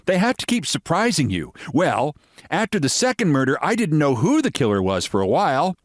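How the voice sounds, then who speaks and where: Man voicing a high-pitched, opinionated lady. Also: wildly swooping pitch, fairly quick, dry recording, clean studio sound. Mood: knowing, confident. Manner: emphatic, gossipy, matter-of-fact certainty. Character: opinionated, chatty American woman, avid detective-story fan. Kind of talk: humorous short-story reading.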